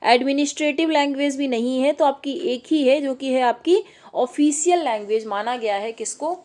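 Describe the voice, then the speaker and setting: High-voiced woman teaching exam prep. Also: darkish tone. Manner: reads English questions slowly, then explains in Hindi; addresses the students directly, often checking with "okay". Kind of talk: online exam-prep lesson.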